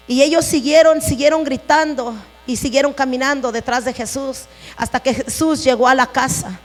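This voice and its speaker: A woman pastor preaching a sermon in an earnest way, speaking to the congregation as brothers and sisters. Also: sits high. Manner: earnest, addresses listeners as brothers.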